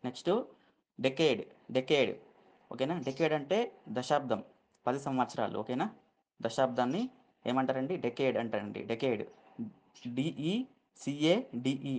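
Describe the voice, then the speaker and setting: A man's voice: mid-range voice, moderate pace, long pauses, darkish tone. A man teaching English vocabulary, spelling words letter by letter and checking in with the learner often.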